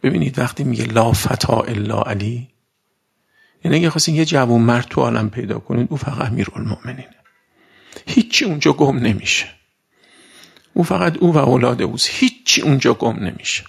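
A man preaching a conversational sermon in a colloquial way, slowing down for emphasis and asking his listeners rhetorical questions. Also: mid-range voice, gravelly, slightly rough.

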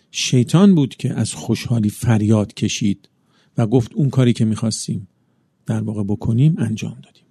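A man delivers a religious sermon in a low, gravelly, mellow voice. He paces his phrases carefully and weaves in recited verses. He often rises into emphatic bursts, and the dry, close recording keeps every rasp audible. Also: dry recording. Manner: measured, builds up in emphatic bursts. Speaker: preacher.

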